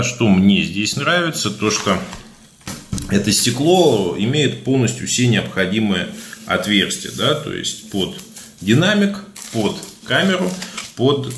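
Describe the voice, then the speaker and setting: Man, low voice, burred defective r, lively swooping intonation, halting unboxing monologue. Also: slight background noise. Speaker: unboxing video blogger. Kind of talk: casual product review monologue. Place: indoors, at a table, hands-only shot.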